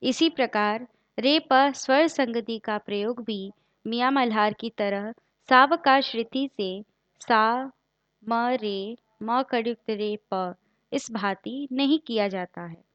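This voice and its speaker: A woman teaches a classical raga in a formal, measured lecture, reading out note names one by one. She speaks very slowly in a somewhat high voice. The recording is dull and lo-fi, with a dry, close sound. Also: fairly bright tone, no room sound. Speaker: music teacher.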